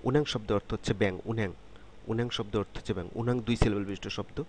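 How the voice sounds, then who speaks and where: A low-voiced man teaches a beginner vocabulary lesson at a patient pace. He repeats each word slowly and carefully several times before he explains it. A faint hiss of noise runs under his voice. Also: steady tone, darkish tone. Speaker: language teacher. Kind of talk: slow, repetitive vocabulary lesson.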